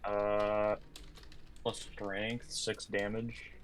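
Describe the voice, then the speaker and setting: Excitable low-voiced man playing a tabletop game. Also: drawn-out words. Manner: excitable, swears casually. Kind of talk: casual game chat.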